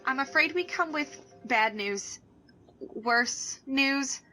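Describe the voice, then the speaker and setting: A bright-voiced radio news anchor. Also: female voice, sits high, soft background music, full character voice. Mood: grave. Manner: measured newsreader delivery, softening into gentle pleas. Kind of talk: scripted news broadcast in a game.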